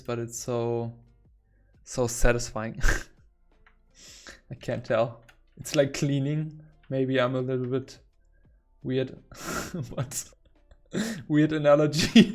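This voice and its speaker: A man's voice: mid-range voice, darkish tone. A man chatting casually on a livestream while he draws, rambling and easily amused. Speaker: artist streaming while drawing. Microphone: headset.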